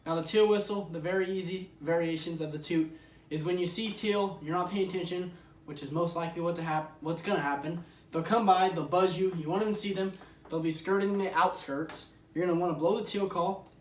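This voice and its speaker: Guy doing a chill how-to on his channel, kinda high voice, echoey room, mic far off. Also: fairly even intonation, fairly quick. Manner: loose and chatty, leans on "like" and "literally". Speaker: host of a duck hunting channel. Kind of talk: casual how-to demonstration. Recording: roomy sound from a distant mic with faint background noise.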